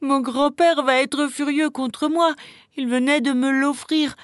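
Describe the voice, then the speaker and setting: A small boy in a storybook, as a woman reads him aloud, tearful and hiccuping through his words. His voice sits high and sounds pinched and unlike the narrator's. The sound is dry and close. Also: fairly even intonation, a little slow, no echo. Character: little boy crying over a lost hat.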